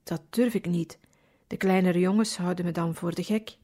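A man's voice: high voice, fairly even intonation, normal speed, creaky, dark tone. A woman voicing a timid teenage orphan boy who gives short, hesitant answers in a storybook reading. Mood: shy.

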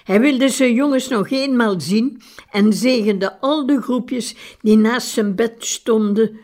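A woman reading a biographical story aloud in a calm, measured way. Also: on the high side. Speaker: narrator. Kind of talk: scripted audiobook narration.

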